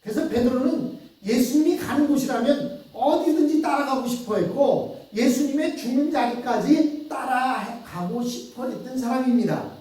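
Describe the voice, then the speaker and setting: A man's voice: high-pitched, dark tone. A male pastor with a Chungcheong Korean accent preaching a Sunday sermon in storytelling style, asking the congregation questions. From Chungcheong, South Korea. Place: church sanctuary. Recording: echoey church hall from far off.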